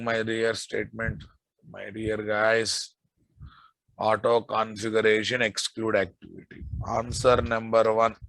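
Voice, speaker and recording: Telugu accent indian guy teaching tech class, lowish flat voice, says stuff twice, close dry sound. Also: gravelly, no echo, rough recording. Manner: repeats key phrases for emphasis; often checks in with listeners. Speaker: programming instructor. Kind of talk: live technical lecture to students.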